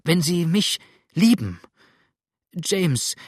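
A man's voice: fairly high pitch, a little slow, fairly bright tone, husky, no echo, clean studio sound, pitched above the performer's own voice. A man voicing a frightened young woman who pleads in breathless, urgent bursts, in an audiobook reading. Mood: frantic pleading.

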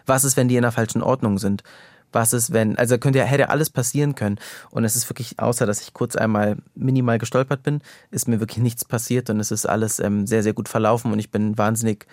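A man's voice: mid-range voice, fairly even intonation, quick pace, a little mellow, dry recording, studio quality. A man chatting as a podcast guest, candid and rambling, with frequent fillers and restarts. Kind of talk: casual podcast conversation.

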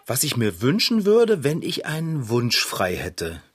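A man's voice: medium pitch, huge pitch swings, unhurried, breathy edge, heavily acted. A man playing a naive, cheerful young bike mechanic in a children's audio play, chatty and childlike. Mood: enthusiastic. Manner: chatty, childlike, easily enthused.

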